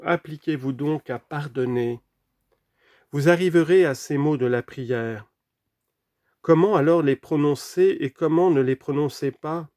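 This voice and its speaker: A man reading a sermon aloud in an earnest, deliberate way, dropping quieter for scripture references. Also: mid-range voice, no echo, clean studio sound. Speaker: reader of a sermon.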